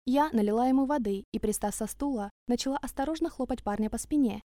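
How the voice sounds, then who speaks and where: A woman's voice: fairly high pitch, quick pace, warm tone, dry recording, clean studio sound. Woman reading a first-person story. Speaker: narrator.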